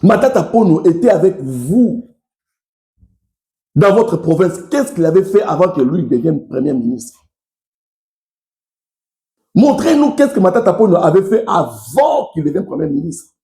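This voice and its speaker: Very animated yet unhurried, this high, mellow, creaky male voice pauses often and sounds roomy. The speaker, a Kasai man whose first language is Tshiluba, has a Congolese French accent and gives heated political commentary aimed directly at his followers, stressing and repeating his points.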